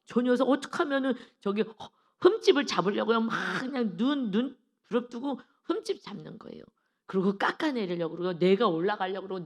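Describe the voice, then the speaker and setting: A woman pastor giving an early-morning Bible study sermon, emphatic and repetitive, often asking rhetorical questions. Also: mid-range voice.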